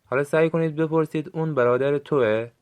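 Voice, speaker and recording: A man with a Gilaki accent giving a recorded language lesson, saying short phrases slowly and clearly for listeners to repeat. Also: on the high side, darkish tone. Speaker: language teacher.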